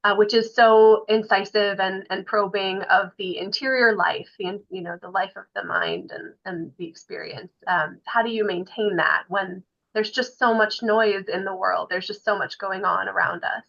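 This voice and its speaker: A woman moderates a poetry panel, framing long questions with thoughtful hesitations. Her voice is bright and clear in tone. The recording sounds dull and lo-fi. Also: mid-range voice, steady tone, moderate pace. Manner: thoughtful, searching, many fillers.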